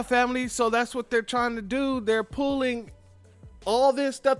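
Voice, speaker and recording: A man hosting a political commentary channel speaks emphatically and informally, repeating his points and calling his viewers family. His voice is very high-pitched, smooth and a bit bright, on a dry recording.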